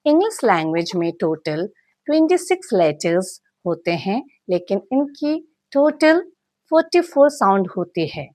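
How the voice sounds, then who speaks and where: A woman teacher explains phonics in an unhurried, carefully paced lesson. Her pitch moves a lot, lifting on each example word as she sounds it out piece by piece. The recording is dry and close, with no room around her. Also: sing-song, a little mellow, dry recording. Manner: spells out sounds and syllables slowly, mixing in English words. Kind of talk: slow scripted lesson narration.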